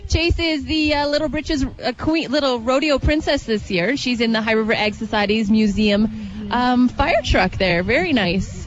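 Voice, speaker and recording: Outdoors at a street parade, a woman with a Canadian accent co-hosts live radio commentary, chatty and full of exclamations. Her voice is fairly high, at a moderate pace, and the sound is lo-fi.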